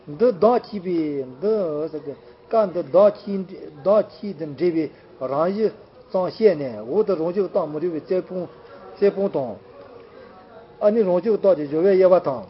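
A man with a high-pitched voice talks casually, circling back over the same phrases with many fillers. The sound is dull and lo-fi, like an old home recording. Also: lively intonation, moderate pace. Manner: rambling, repetitive, many fillers. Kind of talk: casual chat.

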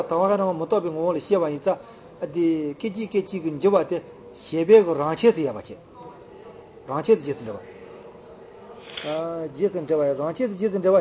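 A man in casual chat, rambling and repetitive, full of fillers, on a dull lo-fi recording. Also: on the high side.

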